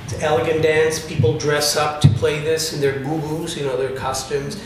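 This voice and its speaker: A drum teacher from Italy chats through casual interview answers at a moderate pace, his voice on the high side and level in tone. He explains at length with plenty of fillers, recorded noisily from a distance in an echoey space.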